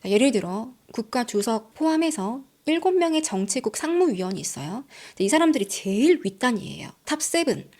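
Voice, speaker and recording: A woman hosting a channel tells a true-crime story in a conversational, dramatic way, talking straight to viewers and sometimes dropping to a whisper for emphasis. Her fairly high voice is a little mellow, with big pitch swings, a slightly fast pace and few pauses.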